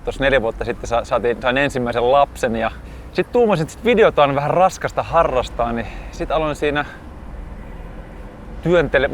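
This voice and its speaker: Laid-back guy telling old stories outside, mid voice, faint traffic hum. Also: mid-range voice. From southeastern Finland. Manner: relaxed, musing with restarts. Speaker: photographer. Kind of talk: casual reminiscing. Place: outdoors at an airfield.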